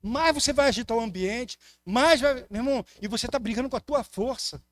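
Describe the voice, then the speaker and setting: Speaking a little fast in a very high-pitched voice, a Brazilian Portuguese-accented man preaches an impassioned sermon as pastor, trading loud emphasis for soft asides. There's no room sound.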